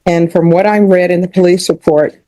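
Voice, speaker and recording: A woman judge speaking firmly and deliberately at a courtroom sentencing. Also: on the low side, steady tone, dark tone, no echo, poor audio. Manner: firm, measured, questioning.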